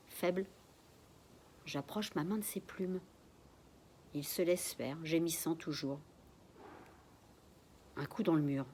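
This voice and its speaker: A woman's voice: deep voice, darkish tone, slight background noise. A woman reading her own suspense story aloud in the first person, sometimes dropping to a whisper, with a few restarts after slips. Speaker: author reading her book.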